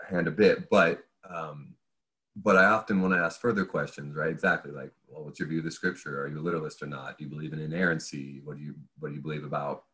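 An extremely low-pitched, sharp-toned voice belongs to a philosophy and religious studies professor guesting on a podcast. He speaks conversationally in an analytical, discursive manner, voicing questions he imagines others asking.

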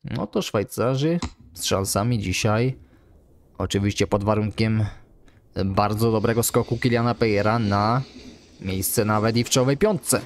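A man commentating a ski jumping game in the style of a live broadcast, calling distances and scores and getting loud and excited on good jumps. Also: fairly low pitch, unhurried. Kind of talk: sports-style play-by-play commentary.

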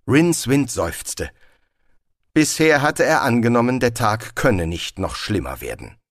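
Male audiobook narrator, very lively pitch. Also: unhurried, dry recording, studio quality. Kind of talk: scripted narration.

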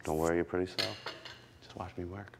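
A man's voice: deep voice, steady tone, fast talker, background noise. An actor in a web series drama, playing a joking young man who cooks for his fiancée. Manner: joking, smooth-talking.

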